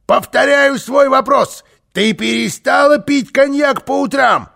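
A man's voice: extremely high pitch, very animated, slow, vocal fry, husky, voice pushed up, full character voice. A man voicing a cocky, mischievous little man who teases with smug triumph.

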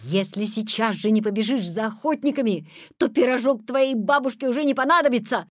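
Bossy shouting schoolboy, as a woman puts him on. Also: on the high side, big pitch swings, unhurried, no echo, clean studio sound. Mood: urgent. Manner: shouting, commanding. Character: bold, bossy young schoolboy.

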